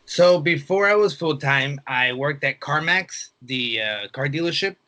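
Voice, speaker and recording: A man in his twenties, a reseller born in Mexico and raised in the United States from age three, is a guest in a casual interview. He tells stories informally and quotes his own thoughts, speaking at a measured pace in a fairly high, expressive voice that sounds pushed and bright.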